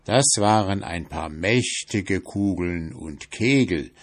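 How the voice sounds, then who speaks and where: A man narrating a fairy tale aloud in a slow, measured storytelling manner. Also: deep voice, lively intonation. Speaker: audiobook narrator.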